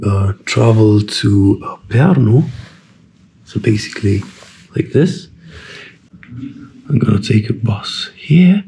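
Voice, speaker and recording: Slow, gravelly-voiced man vlogging. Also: on the low side. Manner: relaxed, chatty, self-deprecating asides. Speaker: travel vlogger. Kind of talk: casual travel vlog. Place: indoors in a hostel, then outdoors in snowy streets and on a bus.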